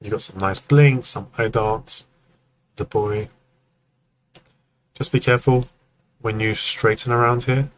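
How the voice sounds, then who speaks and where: A man's voice: on the low side, steady tone, a little slow, pauses often, rough recording. A man hosting a live stream, giving casual, friendly feedback on animation and acting out the movements as he explains. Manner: friendly, joking asides to chat.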